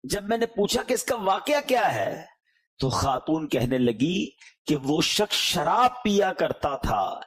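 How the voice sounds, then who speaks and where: In an emotional, sing-song sermon, a man with a Pakistani Urdu accent pleads and exhorts, his voice higher than most men's and rising and falling a lot. He jumps from loud appeals to hushed, soft lines.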